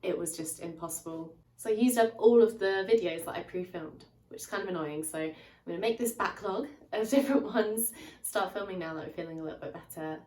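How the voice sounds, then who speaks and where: A woman with a lowish, slightly mellow voice speaks briskly, sounding reverberant and far from the mic, and a little nasal and stuffed up from a lingering cold. As a book reviewer and channel host, she gives her viewers a casual, spoiler-filled review to camera. She's chatty, recapping plots with frequent "um" and "kind of."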